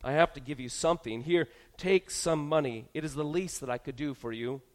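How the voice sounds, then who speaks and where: A man's voice: a little high, brisk, long reverb tail, natural voice. A pleading troubled worshipper, a man acts it. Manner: pleading, rising to loud distress.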